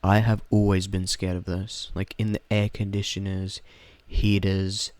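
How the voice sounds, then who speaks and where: A man's voice: sits low, level tone, measured pace, darkish tone, no echo. A man giving casual, off-the-cuff reaction commentary in a slangy, jittery way, full of amused disbelief. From Australia. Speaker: reaction video host.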